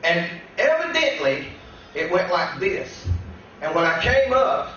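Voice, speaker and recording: A man's high, animated preaching voice rolls around a very echoey church, heard from a distance through a dull recording. He tells a testimony like a story and keeps climbing into shouted proclamation. A faint hiss sits underneath. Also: a little slow. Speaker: guest pastor. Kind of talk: sermon with personal testimony. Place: church sanctuary.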